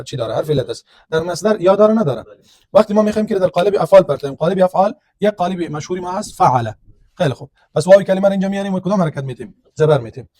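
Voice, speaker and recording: A man's voice: high voice, mellow, dry recording. A male teacher, giving a grammar lecture. He works through each point step by step, often asking a question and answering it himself. The recording is close and dry, with no room sound. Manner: explains step by step, asks and answers his own questions.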